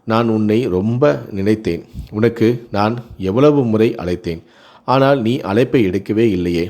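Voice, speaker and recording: A man's voice: on the low side, a little slow, a little mellow, close to an everyday voice. A man voicing a pushy, possessive young husband who talks in an insistent, teasing way.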